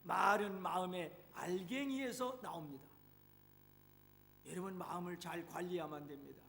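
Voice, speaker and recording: A man's voice: very high voice, gravelly, fairly bright tone. A male pastor preaching a sermon, telling a story dramatically. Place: church hall. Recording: reverberant church hall, faint hum.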